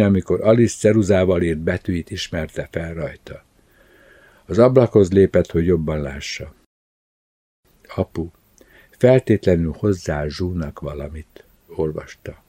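A man calmly reading a novel aloud as narrator. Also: low-pitched, dry recording. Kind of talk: scripted audiobook narration.

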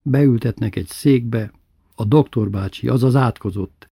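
Husky male memoir storyteller. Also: mid-range voice, mellow, dry recording, studio quality. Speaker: narrator. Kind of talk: reading a childhood memoir aloud.

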